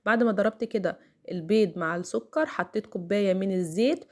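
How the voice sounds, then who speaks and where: A woman's voice: medium pitch, quick pace. A middle-aged woman with an Egyptian accent narrating a home routine vlog, chatty and full of fillers, talking straight to her viewers. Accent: Egyptian Arabic. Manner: chatty, many fillers, talks to viewers directly. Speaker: home vlogger. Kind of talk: casual voice-over vlog narration.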